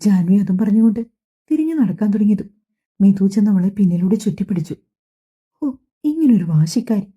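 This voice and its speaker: A woman's voice: medium pitch, mellow, husky. A woman narrating an audiobook family drama, reading the dialogue in as she goes. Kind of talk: scripted story narration voicing all characters.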